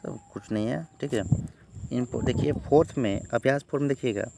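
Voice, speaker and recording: A man's voice: mid-range voice, fairly quick, creaky, background noise. A man tutoring students through an exam textbook unit. He keeps saying "theek hai" as a tic and acts out the example lines. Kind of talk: exam-prep lesson walkthrough.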